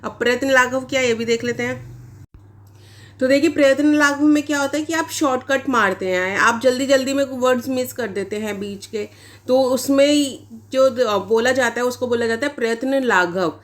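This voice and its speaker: A woman's voice: high-pitched, normal speed. A woman teacher giving an exam-prep lecture, explaining points step by step and asking rhetorical questions as she goes. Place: online class recording.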